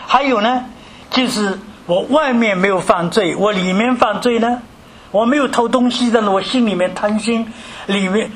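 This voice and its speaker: An older man from mainland China preaching a sermon, posing rhetorical questions and telling his story with animated emphasis. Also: sits high, slight background noise.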